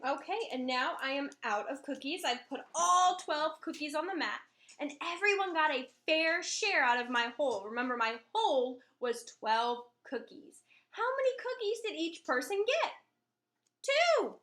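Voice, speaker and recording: A woman with a high, sing-song voice speaks at a normal pace, bright and pushed. She is a teacher reading a picture book aloud to young children and demonstrating a maths lesson, explaining each step simply and instructively.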